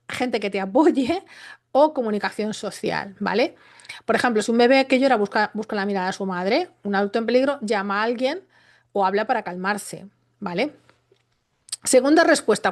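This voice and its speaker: Woman from Spain explaining, tag checks. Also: mid-range voice. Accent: Spain Spanish. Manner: explains with rhetorical questions and frequent tag checks; restarts and self-corrections mid-sentence. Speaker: educator. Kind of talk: unscripted explainer talk.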